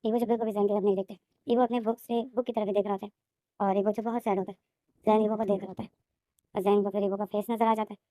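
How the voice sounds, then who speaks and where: A woman narrating a fan fiction story recap in a brisk, repetitive storytelling manner. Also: medium pitch, flat delivery, mellow, no room sound, studio quality.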